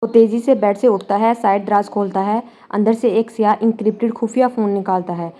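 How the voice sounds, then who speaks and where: A woman narrating a novel as an audiobook, in a calm, even storytelling manner. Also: mid-range voice. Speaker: novel reader.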